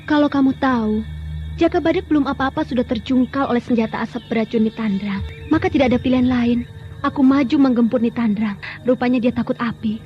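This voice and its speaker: Old radio drama: a soothing, playful young married woman fighter; high-pitched, muffled lo-fi recording under faint music. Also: fairly quick. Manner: gentle, teasing, soothing. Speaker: Dewi Astini, a radio drama character.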